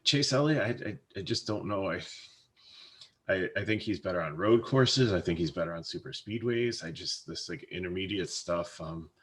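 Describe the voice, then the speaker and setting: A deep-voiced man chats casually on a fantasy sports podcast. He hesitates often, repeating words and trailing off as he weighs his picks. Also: normal speed. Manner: hesitant, many restarts and fillers. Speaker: co-host, fantasy sports analyst.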